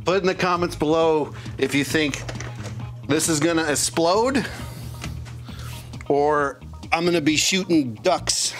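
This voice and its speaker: A man's voice: on the high side, slow pace, long pauses. A middle-aged man vlogging at his home workbench, joking and laughing at himself as he tests a repaired console. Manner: jokey and self-deprecating, hums tunes and laughs at himself. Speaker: craft and repair YouTuber. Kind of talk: casual vlog narration. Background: retro video game music.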